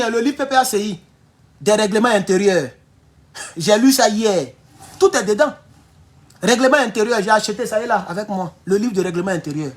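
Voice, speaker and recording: Reading comments from viewers during a casual stream, an Ivorian French man who does online political commentary stays animated and scornful. Laughter comes often, and his loudness swings dramatically from mumbles to sudden bursts, though his back is aching.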